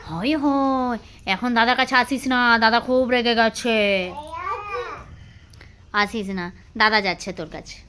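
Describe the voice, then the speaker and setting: A woman's voice: a little slow, long pauses. A woman using playful, coaxing baby talk with small children at home. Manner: sing-song, coaxing, teasing, high-pitched. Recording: noisy home recording.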